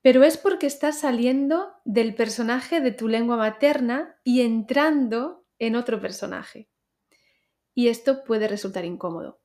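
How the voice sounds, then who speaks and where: A woman hosting a pronunciation podcast, teaching learners in a clear, deliberate way and speaking directly to the listener. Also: a little high, darkish tone.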